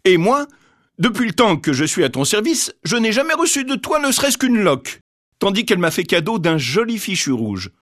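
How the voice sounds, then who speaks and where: A man voicing a neglected servant woman, bitterly complaining in a high voice. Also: very animated, moderate pace, a bit bright, no room sound, studio quality, heavily acted.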